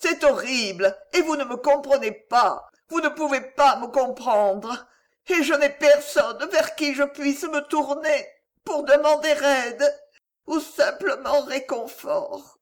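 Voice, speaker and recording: A proud young noblewoman in an audiobook, tearful and pleading, her voice rising high and swinging widely as she begs for help. A woman reads her part in a lively, expressive voice. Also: measured pace. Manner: tearful, emotional, pleading delivery. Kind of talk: audiobook character reading.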